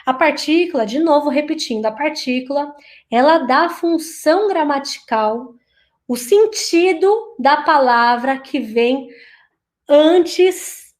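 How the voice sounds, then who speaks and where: High-voiced woman teaching Japanese. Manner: lively, repeats Japanese phrases slowly for learners to imitate. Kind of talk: online language lesson.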